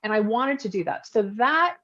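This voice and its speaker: A woman's voice: on the high side, animated, moderate pace, a bit bright. A woman from Texas, an author and documentary photographer, talking casually and reflectively with many restarts during an online event. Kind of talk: casual talk answering audience questions. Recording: dull lo-fi video call audio.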